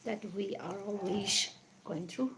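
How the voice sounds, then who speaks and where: A woman from Nepal hosting a casual livestream, talking in slow, halting phrases and repeating herself while feeling cold. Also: mid-range voice, fairly bright tone, slight background noise, poor audio. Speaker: livestream host.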